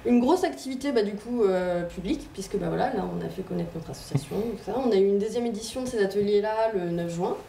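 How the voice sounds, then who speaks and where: A woman answers interview questions about her association, pausing often on fillers. She sits away from the microphone, so her voice sounds distant and roomy, with a faint ambient hum behind. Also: medium pitch, gravelly, warm tone. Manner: hesitant, many fillers. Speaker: guest from a film association. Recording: echoey room from off-mic.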